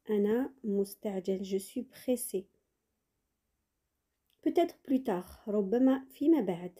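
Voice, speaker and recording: A woman with a soft, breathy voice gives a French lesson. She speaks each model phrase slowly and repeats it, then moves quickly through her explanations. Her tone is dark and mellow and sits fairly high. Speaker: French teacher. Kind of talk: bilingual language lesson.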